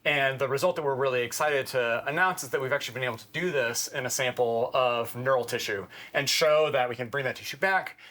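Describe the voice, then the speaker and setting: A man, a company cofounder, explaining his work clearly in a casual interview. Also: medium pitch, fairly quick, hardly any pauses, pushed and bright. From Denver, Colorado. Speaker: cofounder and CSO.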